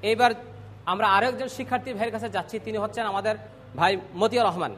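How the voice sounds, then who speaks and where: A man teaching Quran pronunciation, drilling letter sounds slowly and clearly and calling on students to repeat after him. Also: high voice, fairly bright tone, in a large hall. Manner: slow, clear drilling of letter sounds with call-and-response prompts. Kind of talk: classroom pronunciation lesson.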